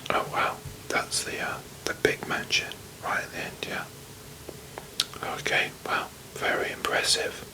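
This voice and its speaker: A hushed library whisper with a British accent carries this whispered role-play. A performer plays a strict librarian who is officious and slightly condescending. The words stay breathy and unvoiced, politely businesslike in an ASMR manner. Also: unhurried, lightly acted, rough recording.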